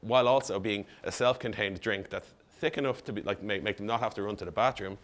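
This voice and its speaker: A startup founder in his thirties, slightly worn-voiced and on the low side, talks fast during an informal conference presentation. On stage in an indoor event room and wearing a lapel mic, he's casual, full of asides and quoted dialogue.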